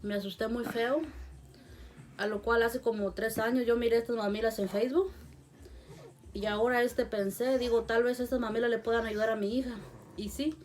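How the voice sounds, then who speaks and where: A woman, a mother, talking casually to the camera at home while gently coaxing her baby to feed, filmed on a phone someone else holds. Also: a little high, fairly even intonation, moderate pace. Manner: soft coaxing, repeats endearments to the baby. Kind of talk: casual home video talk. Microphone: phone held by someone else.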